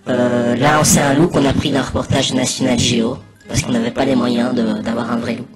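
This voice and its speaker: A man giving a casual, improvised mock commentary over video, rambling hesitantly and pausing mid-sentence. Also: medium pitch, level tone. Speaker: narrator of a spoof anonymous behind-the-scenes testimony. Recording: voice over loud music. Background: loud music.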